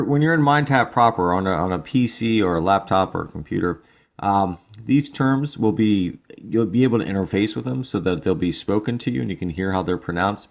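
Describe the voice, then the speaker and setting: A male instructor giving a relaxed, casual walkthrough of a mobile study app, with frequent fillers. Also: on the low side, gravelly. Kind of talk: screen-recorded app tutorial.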